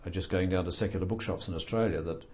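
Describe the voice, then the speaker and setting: An older man speaks in a very deep, mellow voice, answering interview questions at a measured, reflective pace. He pauses often with fillers and slips in dry, understated humor. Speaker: author being interviewed.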